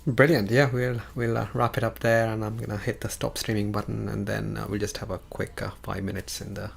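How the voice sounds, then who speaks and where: Brief: male stream host, very gravelly, low and flat, easygoing sign-off. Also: fairly quick. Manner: relaxed, filler-laden wrap-up.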